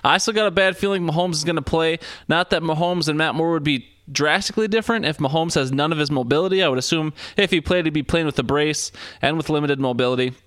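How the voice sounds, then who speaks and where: A man's voice: a little high, fast talker, hardly any pauses, fairly bright tone, no room sound, clean studio sound. A man co-hosting a casual sports podcast, rambling through the games with many fillers and restarts. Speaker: podcast co-host.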